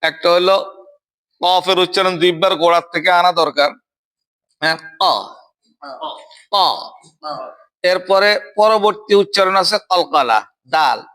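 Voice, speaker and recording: A young man teaching Quran recitation, chanting verses slowly and then explaining pronunciation with quick questions to a student. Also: high voice, fairly bright tone, clean tone. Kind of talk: Quran recitation drill lesson.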